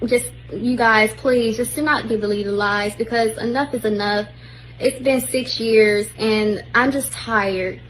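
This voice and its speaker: A woman in her twenties making a calm, insistent self-recorded video statement. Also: a little high, slight background noise, rough recording. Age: 20s.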